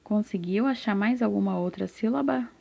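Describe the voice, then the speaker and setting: A woman teaching literacy to first graders in a slow, patient lesson, sounding out syllables and answering her own questions. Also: mid-range voice, gravelly, mellow. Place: classroom with a whiteboard. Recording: slightly dull, lo-fi sound.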